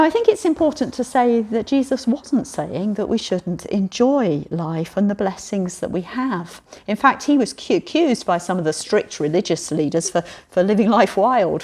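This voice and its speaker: Woman preacher doing an all-age talk, lively storytelling, gets everyone to join in. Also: medium pitch.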